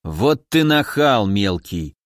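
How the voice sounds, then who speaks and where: A cranky little ancient hermit, as a male narrator puts him on, slow, gruff and bossy. His voice rises and falls sharply as he grumbles and demands answers. The reading is close and dry, with no room sound. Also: mid-range voice, big pitch swings, dry recording. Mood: grumbling.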